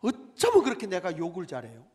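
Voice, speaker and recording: A middle-aged male pastor preaches in a church sanctuary, calling out to his congregation and driving each point home dramatically, with long church reverb on the recording. His voice sits high and darkish, swings hugely in pitch, and runs a little fast.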